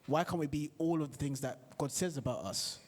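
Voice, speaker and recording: A man's voice: a little high, brisk, in a large hall. A man in a faith-based panel discussion who speaks earnestly and presses one rhetorical question after another. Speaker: panel member.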